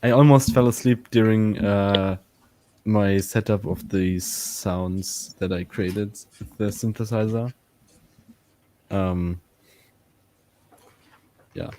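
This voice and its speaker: A man with a low voice talks very slowly, pausing and restarting as he explains things carefully. He speaks casually into a microphone run through an audio interface. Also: steady tone, warm tone, slight background noise. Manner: unhurried, halting, explains carefully. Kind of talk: casual chat.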